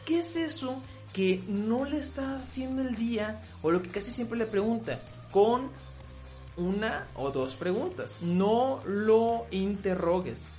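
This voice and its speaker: A man's voice: high-pitched, slow, faint music behind. A man with a Mexican Spanish accent hosting a podcast, giving casual relationship advice and acting out both sides of little arguments. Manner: animated, acts out both sides of quoted arguments.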